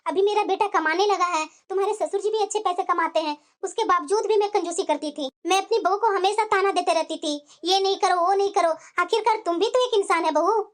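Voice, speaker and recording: A cartoon mother-in-law, voiced by a woman, with a very high, squeaky voice. She speaks remorsefully and tenderly, like a stern woman softening. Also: a little fast, hardly any pauses. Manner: musing, then remorseful and tender. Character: stingy mother-in-law, turning kind. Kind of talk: cartoon voice acting.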